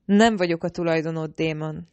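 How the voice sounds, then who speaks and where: Egy nő, aki élénken, kifejezően olvas fel egy hangoskönyvet egyes szám első személyben. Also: female voice, deep voice, fairly even intonation, a little mellow, no room sound, muffled recording. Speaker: audiobook narrator. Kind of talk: first-person audiobook narration.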